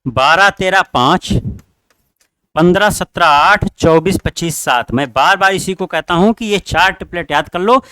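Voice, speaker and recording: A man's voice: high-pitched, normal speed, bright, forceful tone, clean tone, no room sound. A man teaching an online exam-prep class, working through test questions and urging his students again and again. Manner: repetitive, urging students directly.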